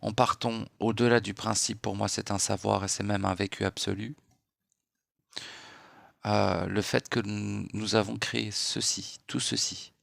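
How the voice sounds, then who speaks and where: A man giving a late-night spiritual monologue in a hushed, unhurried voice, lecturing and posing rhetorical questions. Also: fairly low pitch, little pitch movement, creaky, dry recording, studio quality. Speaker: spiritual speaker.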